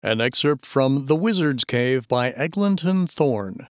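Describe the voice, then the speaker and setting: A man narrating audiobook excerpts in a measured, even storytelling manner. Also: mid-range voice, no room sound, clean studio sound.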